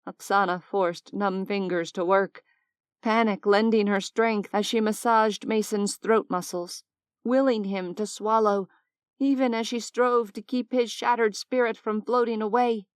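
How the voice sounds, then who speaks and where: Slow, measured woman narrating a novel. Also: mid-range voice, fairly even intonation, clean tone, no room sound, studio quality. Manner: measured, deliberate reading. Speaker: audiobook narrator. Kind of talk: scripted narration.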